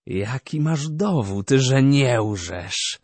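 Man playing a hard curt sultan, slow commanding delivery, audiobook figure, dry sound. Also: mid-range voice, animated, darkish tone, breathy edge, no echo, exaggerated voice. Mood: stern commanding.

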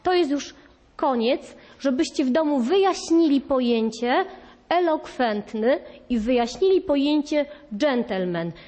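High-voiced woman teacher in a reverberant classroom. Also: expressive, measured pace, warm tone. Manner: instructive, addressing pupils directly. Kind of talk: classroom lesson. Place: school classroom.

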